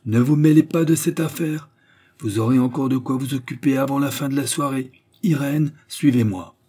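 A man's voice: medium pitch, expressive, moderate pace, warm tone, husky. A man doing a cold, cynical scheming prince.

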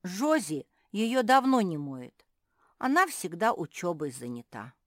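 A woman voicing a gentle, puzzled young female pug in a storybook reading, speaking mildly and in wonder. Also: fairly low pitch, big pitch swings, measured pace, no echo, studio quality.

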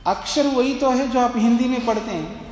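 Swami guy teaching verses slow and patient, highish voice, echoey hall sound. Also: darkish tone, slight background noise. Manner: patient, repeats sutras slowly syllable by syllable, checks understanding. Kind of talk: classroom lecture on scripture. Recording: roomy hall reverb.

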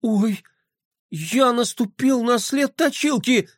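A man voicing an anxious, superstitious young boy in a storybook reading, fretful and quick to panic. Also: high voice, dry recording, clean studio sound, voice pushed up.

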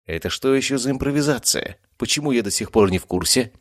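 A man's voice: mid-range voice, expressive, quick pace, dry recording, clean studio sound, pitched above the performer's own voice, natural voice. Man voicing a stern young hero. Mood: firm. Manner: firm and scolding. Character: stern young male nobleman hero, caring but firm.

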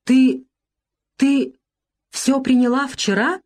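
A flustered young country doctor talks in an excited rush of alarm, as a woman reading the story plays him. The voice runs higher and louder than her narration. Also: moderate pace.

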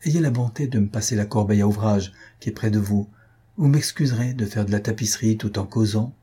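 A man's voice: lowish voice, a little fast, warm tone, husky. A man reading aloud and voicing a witty young countess with a teasing, playful manner in a storybook. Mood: amused.

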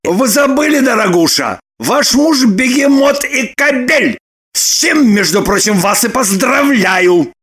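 A distraught, furious man who howls and bellows his lines in slow, stretched-out cries, as a woman narrator puts him on. The voice sits high for a man and drags each word out. It is an audiobook character voice. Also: lively intonation, a crowd in the background. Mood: outraged wailing. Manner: shouting, wailing, drawn-out outbursts. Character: furious heartbroken man, wailing and raging.

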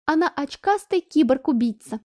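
A woman voicing a jeering teenage schoolgirl who mocks a classmate loudly, in an audiobook. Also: high voice, expressive, moderate pace, no room sound, clean studio sound, voice pushed up. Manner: jeering, loud. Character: mocking teenage schoolgirl sidekick.

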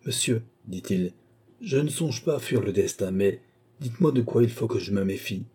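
A dignified nobleman speaks with grave courtesy, as a man reads him. His voice is husky and darkly toned. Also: fairly low pitch, animated, moderate pace, warm tone. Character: dignified male nobleman traveling incognito.

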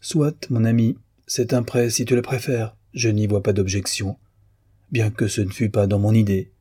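A man's voice: on the low side, flat delivery, moderate pace, mellow, husky, no echo, studio quality. A man voicing a wry, teasing male doctor who banters with a clever young man. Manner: bantering, ironic.

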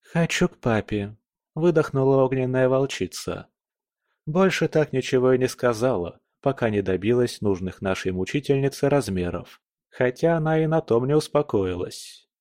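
A man narrates a fantasy romance tale in a measured, steady reading manner. His voice sits at an ordinary middle pitch. It is recorded close and dry, with no room sound. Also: no echo. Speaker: audiobook reader.

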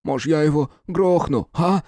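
Man doing a young male anarchist, ringing falsetto, jumpy, loud high shouts, storybook reading. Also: moderate pace, dry recording, clean studio sound, close to an everyday voice. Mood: unsure. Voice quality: ringing falsetto straining at bass. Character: young male anarchist, nervous former student.

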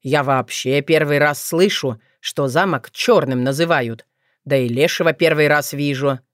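A woman's voice: low-pitched, measured pace, no room sound, clean studio sound. Grumbling weary young man, read by a woman. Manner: grumbling and resigned.

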